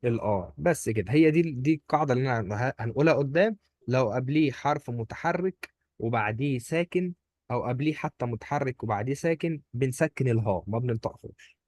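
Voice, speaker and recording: Male tutor, Egyptian accent, mid-pitched, patient drill style, dry recording. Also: lively intonation, fast talker, a little mellow, dry recording. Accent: Egyptian Arabic. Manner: patient, drills words by repeating them. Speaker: German language teacher. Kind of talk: one-on-one pronunciation lesson.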